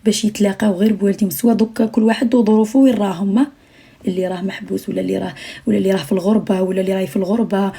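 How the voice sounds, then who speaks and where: A woman's voice: medium pitch, fairly even intonation, very fast, vocal fry, warm tone, husky. A young Algerian woman talking earnestly to her viewers on a late-night live stream, repeating her phrases and sometimes dropping almost to a whisper.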